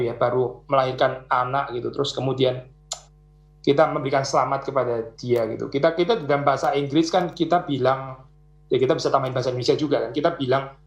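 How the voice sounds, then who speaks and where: A man's voice: mid-range voice, dull audio. A man, a pastor, answering audience questions in a conversational way, with many small fillers and worked examples. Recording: roomy echo.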